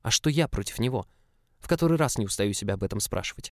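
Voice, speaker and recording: Male narrator, low voice, first-person storytelling, dry recording. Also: lively intonation, fast, dry recording. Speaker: audiobook narrator.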